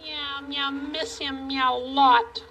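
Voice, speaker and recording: High, slow meowing puppet pussycat. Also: female voice, level tone, pushed and bright, recorded from a distance, a little hiss or hum, exaggerated voice. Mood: wistful. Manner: halting broken phrases padded with meows. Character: Henrietta, sweet timid female pussycat puppet who meows between words. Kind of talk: children's puppet show acting.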